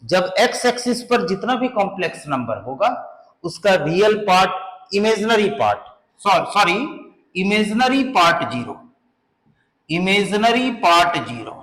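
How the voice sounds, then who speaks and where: A man's voice: high voice, very animated, a little slow, fairly bright tone. A man teaching a maths lesson who explains step by step and keeps asking the class rhetorical questions, mixing into his talk. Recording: echoey room.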